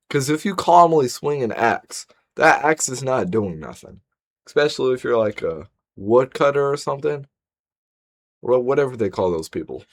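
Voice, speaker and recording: A man streaming reaction commentary, incredulous and repeating himself. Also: medium pitch.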